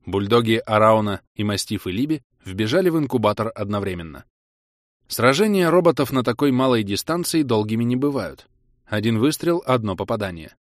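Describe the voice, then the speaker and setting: A man narrating a science fiction audiobook in a steady, measured reading. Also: lowish voice, no room sound, clean studio sound.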